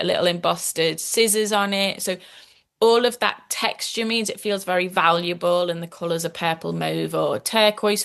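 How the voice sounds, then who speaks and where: Speaking with a Scouse accent, this woman has a fairly low, fairly bright voice with vocal fry. She's an activist and author appearing as a podcast guest, giving long, earnest explanations full of restarts.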